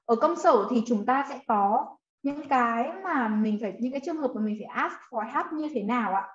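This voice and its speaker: High-voiced woman drilling English phrases. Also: lively intonation. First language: Vietnamese. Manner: slow, careful drilling of example sentences, repeating each one. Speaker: English teacher. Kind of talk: online language lesson. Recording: roomy, slightly muffled sound.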